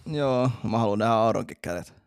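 A man's voice: fairly low pitch, lively intonation, clear, resonant tone, no room sound. A man co-hosting a casual football podcast, joking around with his friends during a quiz. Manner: joking, talkative banter. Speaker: podcast co-host.

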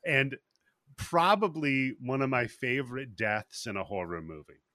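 A man from Washington State hosting a podcast, telling the story in a casual, profane, animated way. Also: medium pitch, unhurried, dry recording, studio quality. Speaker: podcast host. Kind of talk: casual chat.

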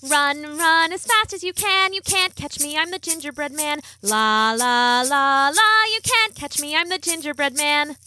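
A cheeky little gingerbread man, as a woman puts him on, chanting his taunts in a high, bright, sing-song voice. He sounds gleeful and bouncy, a storybook runaway who can't be caught. The voice is dry and close. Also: lively intonation, moderate pace, no echo, soft background music. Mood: taunting, sing-song.

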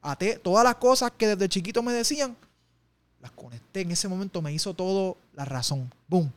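A man's voice: sits high, lively intonation, moderate pace. A man, an interview guest telling a personal testimony in an intense, emotional way full of street slang.

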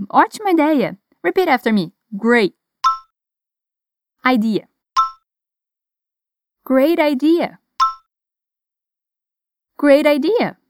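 A woman with a Brazilian Portuguese accent teaches an English lesson, saying model phrases slowly and carefully, having learners repeat after her and encouraging them. Her voice is high-pitched and sing-song, captured in clean studio sound with no room echo.

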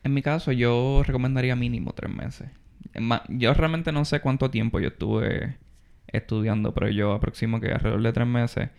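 A man's voice: mid-range voice, fairly even intonation, moderate pace, vocal fry, darkish tone, clear, resonant tone. A young man, hosting a casual advice podcast and often restarting his words. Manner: restarts words, mixes in English terms. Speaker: podcast host.

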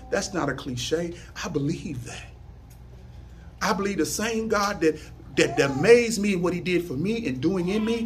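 A man preaching a sermon in a church, with a St. Louis accent, building from quiet talk to loud, sing-song calls. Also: on the high side, slight background noise. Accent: St. Louis, Missouri.

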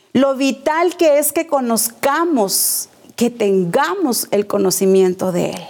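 A woman's voice: fairly high pitch, darkish tone. A woman preaching a sermon to her congregation, speaking emphatically, repeating key phrases and asking rhetorical questions.

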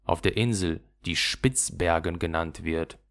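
A man's voice: low voice, a little slow, creaky, voice pushed down. A man voicing a proud, homesick reindeer in a fairy tale, with a wistful manner.

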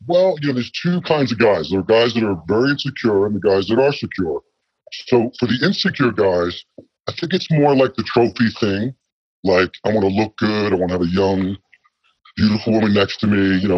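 Guest: man in his forties, voice disguised, husky and close, candid and blunt. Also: fairly low pitch, no room sound, highs cut off. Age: 40s. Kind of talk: casual interview answers.

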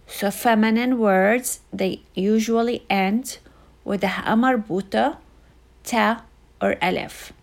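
Slow, patient woman teaching a language. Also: fairly high pitch. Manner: slow, repetitive teaching with many fillers. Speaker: Arabic tutor. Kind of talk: casual online language lesson.

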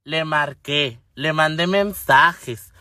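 A man's voice: fairly high pitch, extremely slow, no room sound. A man with a Mexican accent telling a funny personal story, swearing freely and acting out every line people said. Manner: animated, swears freely, dramatic retelling with acted-out quotes; refers to himself with feminine forms. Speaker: vlogger.

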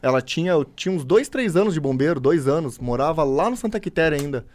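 A young man, a firefighter, chatting casually and easily, pausing now and then to recall details. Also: on the high side. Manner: relaxed, easygoing, pauses to recall details. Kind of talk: casual chat.

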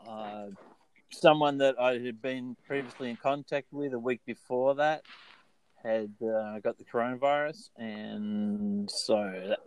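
A man's voice: medium pitch, measured pace, clear, resonant tone, low-quality recording. An Australian man hosting a casual podcast chat in a laid-back, jokey way. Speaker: podcast host.

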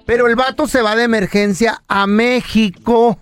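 A male radio co-host tells jokes and gossip in rapid bursts and shouts the punchlines. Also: extremely high pitch, fairly even intonation, clean tone, faint music behind. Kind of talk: joke and gossip storytelling on radio.

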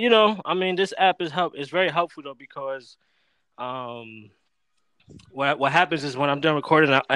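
A man's voice: mid-range voice, bright, forceful tone, clean tone, no echo. A young man from Florida hosting a casual podcast, profane and laid-back, laughing often. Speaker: podcast host.

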